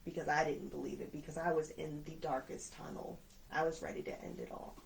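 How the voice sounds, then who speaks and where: A co-host sharing a personal story in casual chat, speaking haltingly and softly with many fillers. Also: mid-range voice, fairly even intonation, creaky, distant mic, rough recording. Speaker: co-host, business partner.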